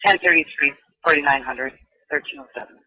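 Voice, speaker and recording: A man working as a police dispatcher over a walkie-talkie, briskly reading back each call. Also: fairly high pitch. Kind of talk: terse police radio calls. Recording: archival lo-fi police radio.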